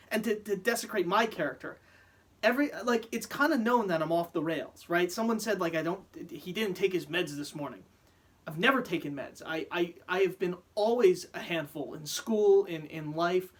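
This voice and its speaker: A man venting in a profane, heated vlog rant, often stammering and restarting his sentences. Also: high voice. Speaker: vlogger. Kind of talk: angry rant to camera.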